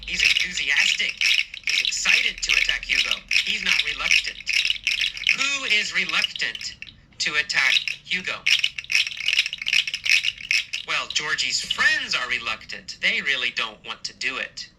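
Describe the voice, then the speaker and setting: A male teacher telling a story as a lesson, asking simple questions and answering them himself, slowly and with emphasis. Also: on the high side, sing-song, heavy background noise. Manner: slow, repetitive, emphatic questioning. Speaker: English teacher.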